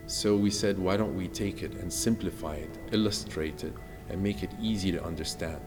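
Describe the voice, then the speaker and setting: A man from Egypt, an architect, explaining a project in a measured, explanatory documentary interview. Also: deep voice, in a large hall, over music.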